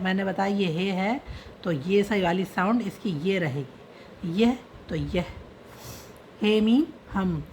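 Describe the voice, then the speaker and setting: A woman's voice: mid-range voice, darkish tone, slight background noise. A woman teaching an online reading and writing lesson, patiently spelling out letters and their sounds one by one.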